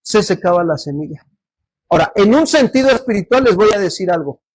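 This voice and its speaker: Man, pastor, sermon, questions to the congregation, husky, dry close sound. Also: sits high, expressive, brisk, dry recording. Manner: asks the congregation questions and waits for answers. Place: church service.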